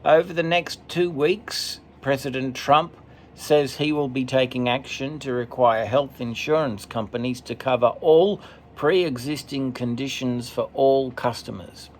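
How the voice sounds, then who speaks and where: A man commentating as he reads a list off a screen, steady, with occasional stumbles and asides. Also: mid-range voice, a little slow, slight background noise. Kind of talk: reading from a screen, casual commentary.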